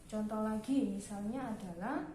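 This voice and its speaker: A woman's voice: medium pitch, mellow. A young woman teacher patiently explaining a primary school math lesson step by step. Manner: slow, patient explaining with frequent "nah". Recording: echoey room with background noise.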